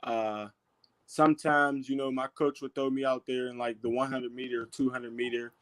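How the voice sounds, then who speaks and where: A young man from Pittsburgh, a football player as guest, talking in a relaxed way full of fillers. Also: mid-range voice, normal speed. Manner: relaxed, filler-heavy, lots of "you know". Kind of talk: casual interview.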